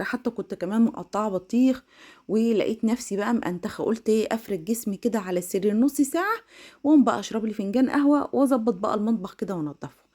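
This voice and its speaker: A young woman with an Egyptian Arabic accent, talking to her viewers in a chatty cleaning vlog. She rushes and laughs as she speaks. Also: medium pitch. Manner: fast, excitable, laughing, addresses viewers directly. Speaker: home vlogger.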